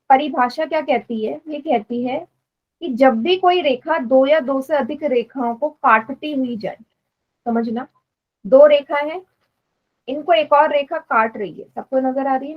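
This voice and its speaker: A woman's voice: high-pitched, a little slow, muffled recording. A woman teaching math in a live online class, patiently explaining and quizzing students. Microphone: online class stream.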